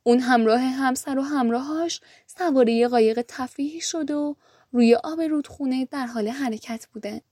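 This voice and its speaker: A woman narrates a folk tale audiobook in a calm, even, conversational way. Her voice is high and mellow. The recording is close and dry, with no room sound. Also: no echo. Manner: calm, even storytelling in colloquial speech.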